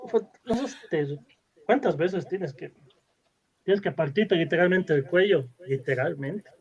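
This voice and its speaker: A man's voice: a little high, a little slow. A man chatting casually as a wrestling panelist, with blunt, sweary interjections. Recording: dull, lo-fi voice sound.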